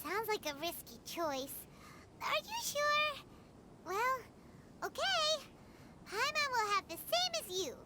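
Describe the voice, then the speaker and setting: A woman's voice: very high voice, very animated, slow pace, pauses often, background noise, full character voice. A woman voicing Paimon, a tiny, bubbly, food-loving companion girl in a video game who refers to herself in the third person. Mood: chirpy. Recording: game audio with loud music.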